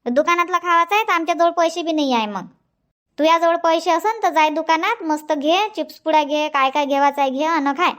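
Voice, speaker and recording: A nagging old village grandmother from a cartoon comedy, voiced by an actor, with an extremely high, squeaky voice and a Vidarbha Marathi accent. She fires the same question again and again, chiding and coaxing. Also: a little fast, fairly bright tone. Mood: scolding. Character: fussy nagging village grandmother, scolds and coaxes.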